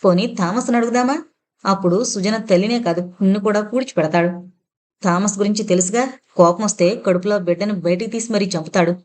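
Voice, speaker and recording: A woman's voice: medium pitch, a little fast, a little mellow, lightly acted. A woman narrator voicing a cold, scheming woman who taunts and threatens her rival. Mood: menacing. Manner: taunting, menacing.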